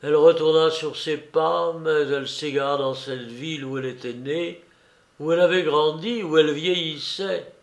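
A man reading a literary story aloud in a measured, sombre narrating voice. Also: fairly high pitch, steady tone, echoey room. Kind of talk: audiobook reading of literary prose.

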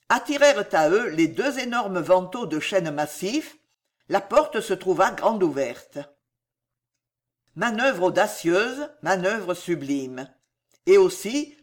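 A reader giving a dramatic narration of a historical adventure novel. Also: medium pitch. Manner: slow, lively dramatic reading. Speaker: audiobook reader.

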